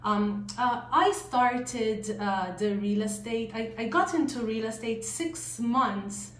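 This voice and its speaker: A woman with a Maltese accent answering casual interview questions as a real estate agent, often starting haltingly. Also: fairly high pitch. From Malta. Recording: echoey room, faint noise.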